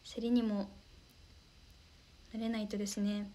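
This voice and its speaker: Over a noisy background, a young idol livestream host reads out viewer comments, cheerful and courteous, with frequent thank-yous. She speaks at a measured pace in a mid-range, level voice.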